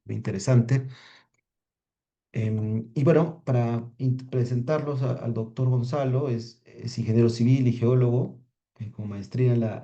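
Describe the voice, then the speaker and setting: A man hosting a technical webinar over a video call, introducing the speaker in a halting way with many repeated words. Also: medium pitch, warm tone, lo-fi sound. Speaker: webinar host.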